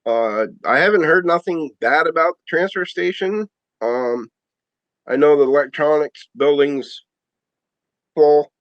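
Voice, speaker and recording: A man who works on the town roads, reporting to a board meeting over a video call, halting and full of ums and uhs. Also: a little high, no echo. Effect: heard over a video call. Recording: dull lo-fi video call audio.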